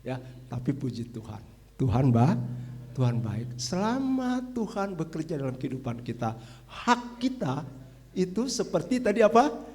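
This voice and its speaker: A middle-aged man preaching at a church service, lively and conversational, with casual asides and repeated phrases. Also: fairly high pitch, a little slow. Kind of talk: sermon.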